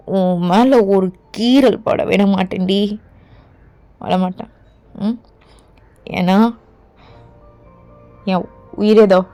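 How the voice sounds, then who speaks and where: A woman voicing a ruthless young male king who talks in a low, slow, possessive murmur in a fan audio drama, over faint music. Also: gravelly, darkish tone.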